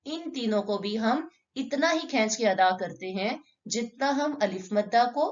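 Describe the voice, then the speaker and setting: A woman's voice: fairly high pitch, lively intonation, measured pace, lo-fi sound. A woman teaching Quran recitation step by step, asking and answering her own questions and drawing out sample syllables.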